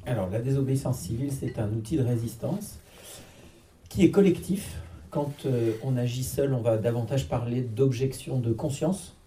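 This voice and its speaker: Guy on a panel explaining stuff, dark mellow voice, sounds far from the mic. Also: medium pitch, slight background noise. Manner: measured, explanatory, with frequent fillers. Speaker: panel speaker.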